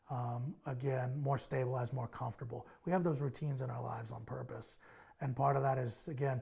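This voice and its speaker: A man hosting a parenting advice show, with a gravelly edge and a slight huskiness in his voice. He speaks directly to parents and walks through his advice one step at a time, at a middle pitch for a man. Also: a little mellow.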